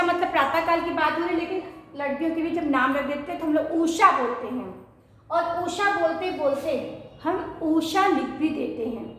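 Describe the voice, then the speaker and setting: A woman teacher with a high voice talks slowly and carefully. She goes over each word again and again as a drill. The room around her echoes heavily. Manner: slow, repeats words for drill. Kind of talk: Hindi pronunciation lesson.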